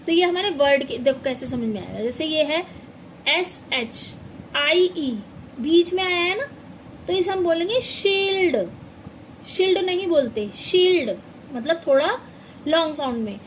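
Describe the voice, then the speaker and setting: A woman's voice: sits high, animated, measured pace, a little hiss or hum. A woman teaching pronunciation in a classroom-style lesson, patiently spelling out words letter by letter and quizzing her students. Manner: patient, repeats and asks the students questions.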